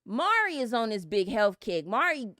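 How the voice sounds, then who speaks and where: Lively, animated woman from the Inland Empire. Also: fairly high pitch, normal speed, no echo, clean studio sound. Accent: Inland Empire California. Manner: loud, animated storytelling with big voice swings. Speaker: podcast co-host. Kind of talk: casual comedic chat.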